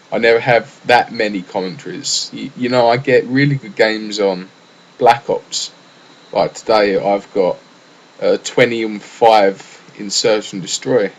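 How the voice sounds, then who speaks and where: Casual solo podcaster: young English man, lowish voice, loose, rambling delivery with lots of fillers. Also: slightly rough, rough recording. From England. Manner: rambling, chatty, with frequent fillers and restarts. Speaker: gaming podcaster.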